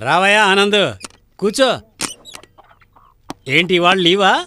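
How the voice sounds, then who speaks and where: A chatty friendly tailor. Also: male voice, high-pitched, fairly even intonation, measured pace, pushed and bright, clear, resonant tone. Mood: welcoming. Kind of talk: dubbed film dialogue.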